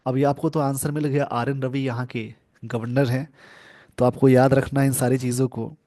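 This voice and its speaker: Teacher, man, mid-pitched, dry close sound, word-by-word explanation. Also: level tone, mellow, dry recording. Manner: explains word by word, reads English phrases slowly. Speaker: English teacher. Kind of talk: newspaper editorial lesson.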